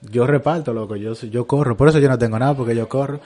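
A Dominican man hosts a casual podcast chat. He tells an everyday mishap in a relaxed, self-mocking way, full of street slang. His voice sits at an ordinary middle pitch. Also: quick pace. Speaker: podcast host.

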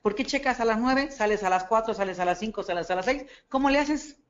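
A woman with a Mexican Spanish accent gives a motivational talk, her voice sitting a little high. She tells stories with animation, acting out the dialogue and checking that her listeners agree. The recording is dull and lo-fi. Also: fairly quick. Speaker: network marketing speaker.

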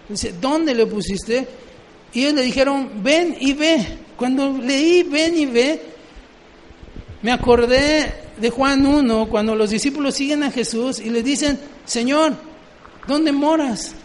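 High-voiced man preaching in a hall. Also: measured pace, slight background noise. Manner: asks the congregation questions. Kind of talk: sermon.

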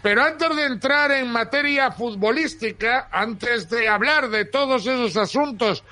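Spanish guy from spain hosting sports radio, high punchy bright voice, super colloquial, repeats himself. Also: a little slow. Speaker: sports radio show host. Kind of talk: lively informal radio presenting.

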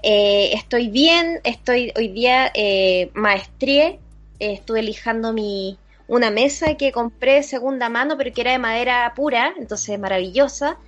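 Chilean girl co-hosting a podcast, high voice, casual, dull lofi audio. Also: measured pace, fairly bright tone. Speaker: podcast co-host. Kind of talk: casual chat.

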